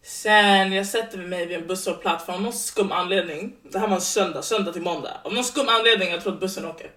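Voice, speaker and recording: A woman's voice: lowish voice, fairly bright tone. A young woman co-hosting a podcast, telling a story animatedly and switching between Swedish and English. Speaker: podcast co-host. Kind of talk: casual storytelling chat. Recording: roomy, distant mic.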